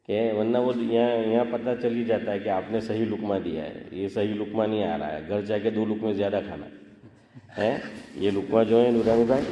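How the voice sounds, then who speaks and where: A man's voice: fairly low pitch, mellow. A man preaching in a conversational way to a gathering, often questioning his listeners and chanting verses. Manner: conversational, questions the audience, sings Arabic verses. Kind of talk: informal religious talk to a gathering. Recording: echoey hall with long reverb.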